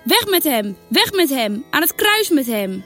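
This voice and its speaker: A woman voicing an angry crowd, shouting demands. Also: high voice, sing-song, measured pace, soft background music, exaggerated voice.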